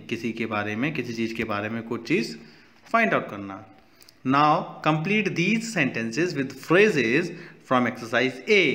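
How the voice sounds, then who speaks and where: Speaking at a medium pitch with a sharp edge, an Indian-accented male teacher leads his class through a textbook exercise. He goes slowly, repeating each word out loud, and mixes English with Hindi.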